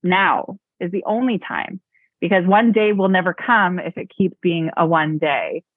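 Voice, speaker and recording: Her fairly low, slightly slow voice comes over tinny call audio without echo. An enthusiastic podcast host and book publisher, she gushes and laughs a lot during this casual interview.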